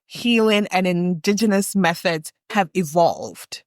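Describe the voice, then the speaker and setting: Clean, echo-free studio audio carries a young West African woman's lowish, somewhat dark voice at a slightly slow pace. As a podcast co-host in a reflective discussion, she develops her points in long, earnest passages.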